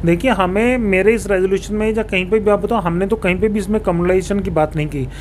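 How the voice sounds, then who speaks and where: This local politician gives formal answers in a high, darkish voice at a quick pace, working English terms into his explanations. The setting is a small indoor office where he is seated on a sofa. A handheld reporter mic points his way, and the room's background noise is clearly captured.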